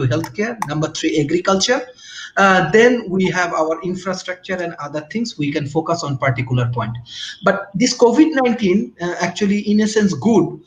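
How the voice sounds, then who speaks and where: A man's voice: a little high, reverberant, slight background noise, rough recording. A man from Bangladesh speaking on an online panel discussion, hesitant, with many restarts and fillers. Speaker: panel guest.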